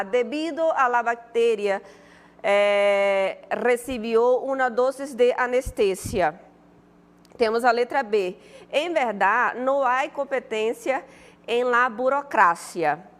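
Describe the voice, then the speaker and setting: A woman's voice: on the high side, a bit bright, big-room sound. A woman from Brazil, a Spanish teacher, patiently going through an exercise in an online class, repeating herself and reading out student answers. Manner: patient, repetitive, reads student answers aloud.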